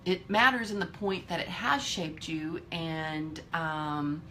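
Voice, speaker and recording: A woman's voice: low voice, fairly even intonation, slow, sharp tone, slight background noise. A woman in her fifties giving a candid, emphatic motivational talk to her viewers, swearing freely. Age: 50s. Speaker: vlogger.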